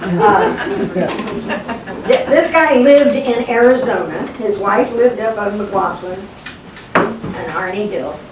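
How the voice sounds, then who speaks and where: At an indoor talk in a historic log cabin, an older local historian appears as guest speaker, storytelling folksily and conversationally while playing out the dialogue. Her mid-range voice competes with background noise and music, recorded roomily from a distant microphone.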